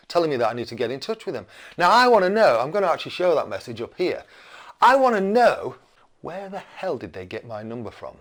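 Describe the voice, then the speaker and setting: A British man in his fifties delivering an indignant, cranky rant as a video blogger, emphatic and full of rhetorical questions. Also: mid-range voice. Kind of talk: opinionated rant to camera.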